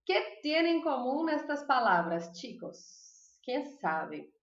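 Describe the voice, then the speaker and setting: A woman teaching a language class online, chatting with her students, asking them questions and slowly repeating lists of words. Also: high voice, sing-song, creaky, a bit bright, echoey room, dull audio. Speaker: Spanish teacher.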